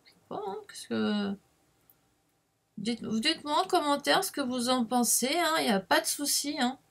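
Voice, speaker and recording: A middle-aged woman with a French accent hosts a crafting video, chatting casually and joking at her own expense while working, sprinkling in "hein" and fillers. Her voice is high, animated and a bit bright, with vocal fry and normal speed. A desk webcam mic picks her up.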